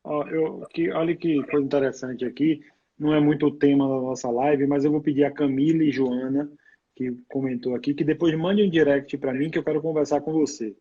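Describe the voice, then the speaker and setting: Husky-voiced man host. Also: on the high side, fairly even intonation, brisk, warm tone. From Brazil. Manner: reads viewer comments, hesitant restarts. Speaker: live show host. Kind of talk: casual live interview. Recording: dull lo-fi video call audio.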